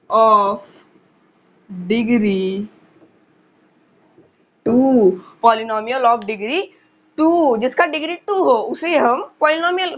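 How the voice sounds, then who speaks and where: A woman teaching school math in a casual lecture, who repeats key terms and quizzes her listeners. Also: high voice. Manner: slows down while writing on the board. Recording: dull lo-fi recording.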